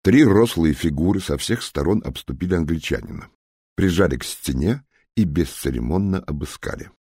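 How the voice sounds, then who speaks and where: Deep husky male narrator. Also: animated, normal speed, dark tone, no room sound, clean studio sound. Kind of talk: audiobook narration.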